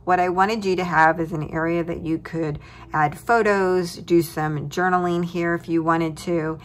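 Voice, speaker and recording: A woman's voice: lowish voice, steady tone, unhurried. A woman hosting a craft tutorial, walking through her project at a tabletop desk with cheerful chuckles. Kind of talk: relaxed crafting walkthrough.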